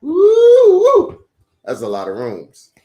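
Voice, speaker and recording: Reading a children's book at storytime, a pastor addresses the young audience directly with exclamations and rhetorical questions. He reads expressively and slowly in a mid-range voice. The audio is dull, echoing in the room, with music beneath it.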